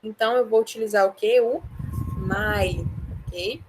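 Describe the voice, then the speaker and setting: A woman's voice: mid-range voice, unhurried, slight background noise, poor audio. A woman with a Brazilian Portuguese accent, an English teacher giving an online class, patiently explaining step by step and often checking in with the students.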